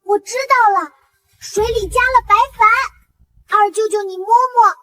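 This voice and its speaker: Casting note: a bright, very high-voiced little girl, indignant and sharp, music underneath. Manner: indignant, quick to spot tricks. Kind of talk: inner-voice commentary in a costume drama.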